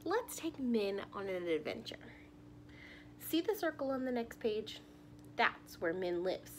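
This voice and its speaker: A young woman with a mid-range, sing-song voice reads a children's picture book aloud at a measured pace in her living room. She reads expressively and asks her little listeners questions directly. The low-quality recording carries slight background noise.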